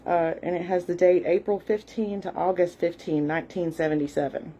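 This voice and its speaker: A Southern American history hobbyist host, sounding middle-aged and at least in her late forties, shows a book page and explains it in a chatty, enthusiastic ramble, full of ums and small apologies. Her soft, mellow, fairly low voice runs a little fast. She's at home with a cat nearby, and the poor audio carries a faint room hum.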